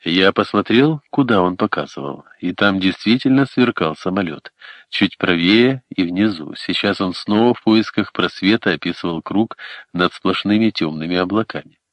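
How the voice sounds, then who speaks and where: Deep-voiced man narrating a story. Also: normal speed, dry recording. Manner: steady storytelling reading. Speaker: audiobook narrator. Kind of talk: scripted first-person narration. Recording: dull, dry lo-fi recording.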